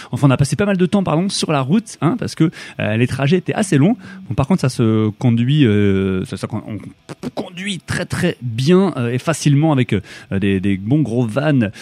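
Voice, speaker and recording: A young man from France hosting a radio show, talking casually and haltingly between tracks with lots of fillers and restarts. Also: mid-range voice, dark tone, no echo.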